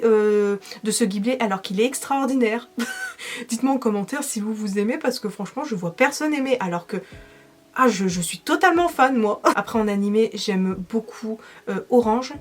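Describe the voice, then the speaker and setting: A young woman with a French accent, a makeup vlogger chatting casually to camera as she answers viewer questions, enthusiastic and full of fillers. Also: on the high side.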